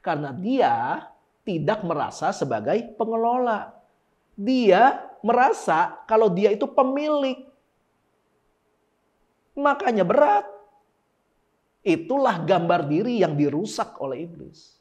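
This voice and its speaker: A man preaching a casual, lively sermon and talking with members of the congregation. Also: high voice, takes it slowly, long pauses. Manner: lively, animated, talks with the congregation. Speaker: pastor. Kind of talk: casual sermon with live demonstration. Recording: dull lo-fi sound.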